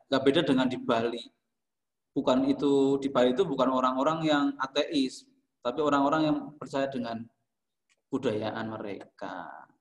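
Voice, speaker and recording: A man's voice: mid-range voice, roomy sound. A male music teacher from Indonesia teaching a class online, calling on students by name and explaining each term. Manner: calls on students by name, repeats their answers and explains.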